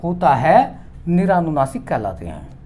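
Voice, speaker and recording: A man teaching a grammar lesson, slowly spelling out and repeating each vowel sound. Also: on the high side, wildly swooping pitch, warm tone.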